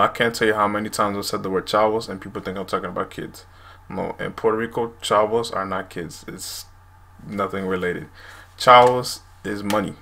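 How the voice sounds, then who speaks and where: A language video host in his twenties casually explains words to a camera from a small room at home. His voice is fairly low, bright and forceful, and the indoor recording is noisy.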